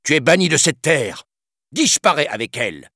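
A man voicing a brave young male lion who is claiming his throne in a storybook, lifted high above his own deep voice. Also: big pitch swings, normal speed, pushed and bright, no echo, studio quality, exaggerated voice. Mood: defiant.

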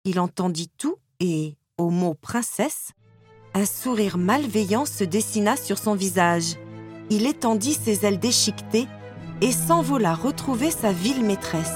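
A woman narrating a storybook in a smooth, even read-aloud manner. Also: mid-range voice, unhurried, soft background music.

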